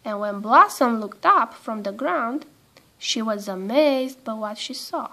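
A woman with a high voice slowly reads a children's story aloud. As a storybook reader, she tells it in an expressive, measured way suited to kids.

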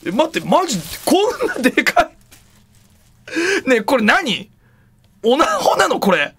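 Rough-talking male streamer, lively pitch. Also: measured pace. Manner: rough slangy speech with loud exclamations; talks to himself while handling an object. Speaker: live streamer. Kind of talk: casual live-stream chat.

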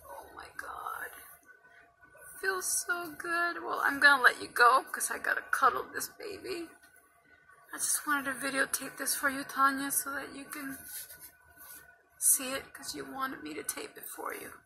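High-pitched, bright woman gushing softly. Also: fairly even intonation, moderate pace, vocal fry, soft background music, poor audio. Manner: gushing, often drops to a hushed whisper. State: emotional. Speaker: reborn doll collector. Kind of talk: casual unboxing vlog.

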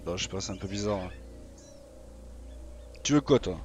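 A man giving live gameplay commentary on a survival game, excitable and taunting his opponents in casual slang. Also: sits low, moderate pace, background noise. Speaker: gamer playing a dinosaur survival game.

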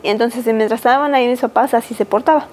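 A Mexican woman in her thirties, a podcast guest giving a personal testimony, talking haltingly with many fillers and restarts. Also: fairly high pitch, steady tone, darkish tone, slight background noise, rough recording. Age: 30s.

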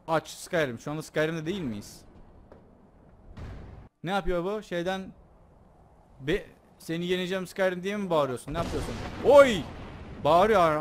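Excitable young man joking over gameplay. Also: a little high, slight background noise. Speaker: gameplay commentator. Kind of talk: casual let's play commentary.

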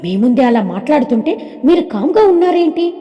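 A woman's voice: high-pitched, big pitch swings, a little fast, warm tone. A woman voicing a young woman who protests indignantly and tearfully that she is being wronged, in a storybook with long reverb. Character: young woman insisting on her identity.

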